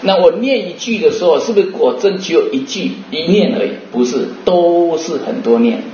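A man's voice: a little high, lively intonation, dark tone, a little hiss or hum. Man giving a roomy dharma talk. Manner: rhetorical questions, slow chanting demonstrations. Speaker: Buddhist teacher. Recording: roomy, muffled recording.

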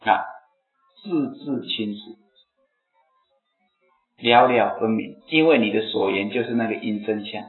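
A slightly hoarse man giving a Buddhist dharma talk to a seated audience, explaining and chanting examples aloud. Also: on the low side, unhurried, pauses often. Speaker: Buddhist teacher. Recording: echoey phone-like lecture recording, faint music.

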